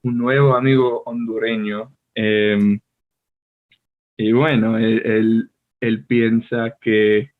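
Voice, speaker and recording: American man with Argentine-accented Spanish, slow. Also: lowish voice, little pitch movement. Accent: Argentine Spanish, learned as an American. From United States. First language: English. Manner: hesitant, searching for words with many pauses. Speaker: podcast co-host. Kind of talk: casual bilingual chat. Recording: tinny phone-like call audio.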